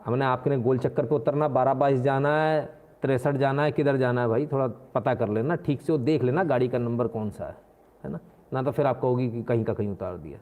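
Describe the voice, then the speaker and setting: A man's voice: medium pitch, fairly quick, a little mellow. A man hosting a live stream, giving combative, mocking political commentary. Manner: combative and mocking, slips into acted voices. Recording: tinny phone-like sound.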